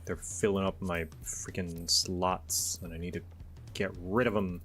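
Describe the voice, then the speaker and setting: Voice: low voice, little pitch movement, a little slow, a bit bright. A person chatting casually while playing an online game on a stream. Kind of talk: casual gaming stream chat.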